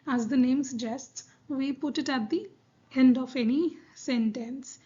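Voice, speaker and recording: A woman teacher explaining grammar in a patient, slow lesson, repeating her points with fillers like "um" and "right". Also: sits high, dark tone, highs cut off.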